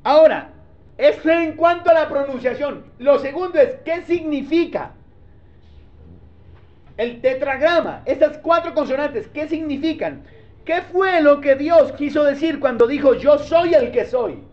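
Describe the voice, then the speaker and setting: High-voiced pastor, lo-fi recording. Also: male voice, expressive, measured pace. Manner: conversational, keeps checking in with the congregation. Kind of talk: teaching sermon. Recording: dull lo-fi sermon recording.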